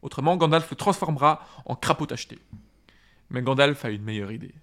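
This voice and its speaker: A man's voice: mid-range voice, lively intonation, fairly bright tone. A man hosting a casual book discussion, talking enthusiastically and reading passages aloud. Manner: enthusiastic, halting restarts. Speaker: podcast host and reader.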